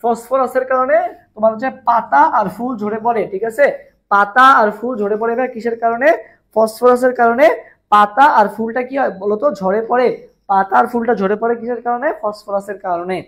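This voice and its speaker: A man's voice: extremely high pitch, fairly even intonation, fairly quick, a bit bright. A young man from Bangladesh teaching a live online biology revision class, repeating questions and answers and asking viewers to comment.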